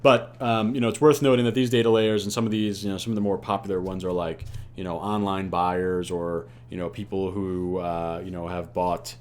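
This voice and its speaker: A man's voice: low-pitched, flat delivery, a little fast. A man teaching an online course in a loose, conversational way, full of "you know" and "uh" fillers. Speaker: online ads instructor. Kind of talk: casual unscripted lecture.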